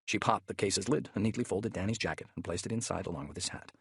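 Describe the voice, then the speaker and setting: A man narrating a thriller audiobook in a measured, steady way, close to the mic. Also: low voice, vocal fry, slightly rough, no echo.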